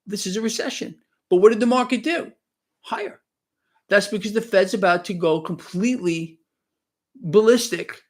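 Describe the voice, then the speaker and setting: A man just shy of sixty who talks at a rather high pitch for a man. He lectures his live audience in a fervent, preachy tone. He loops back on his words and restarts his sentences often. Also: normal speed. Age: 50s. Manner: fervent, preachy, repeats himself, many restarts. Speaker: financial livestream host. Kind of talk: unscripted live-stream commentary, reading chat.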